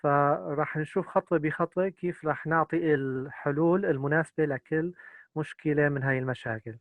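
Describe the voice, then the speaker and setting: A man's voice: fairly high pitch, very fast, no echo. A man, interpreting a lecture consecutively and hesitating with many filler sounds.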